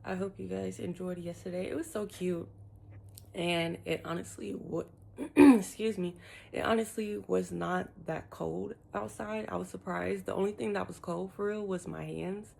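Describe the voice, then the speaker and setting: A woman chatting casually to her vlog viewers in an informal, expressive way, her speech slightly lisped and muffled from wearing retainers. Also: lowish voice, moderate pace, creaky. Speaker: lifestyle vlogger.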